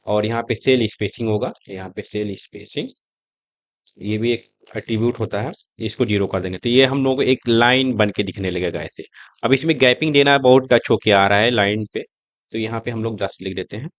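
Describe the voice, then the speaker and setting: A man's voice: fairly low pitch, fairly quick, dry recording, lo-fi sound. Man explaining code while he types. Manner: conversational, explaining step by step while typing. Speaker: coding tutor. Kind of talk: screen-recorded coding tutorial.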